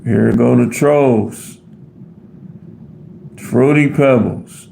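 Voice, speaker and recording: A man's voice: mid-range voice, very slow, gravelly, mellow, echoey room, a little hiss or hum. An American man hosting a live stream, rambling casually as he answers viewer comments off the cuff. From United States. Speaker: livestream host reading chat.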